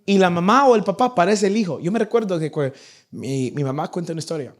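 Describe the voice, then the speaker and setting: Male pastor, young adult, sermon, animated storytelling, fairly high voice. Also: fast talker. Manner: animated, acts out nagging parents in a raised voice. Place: church in Vancouver.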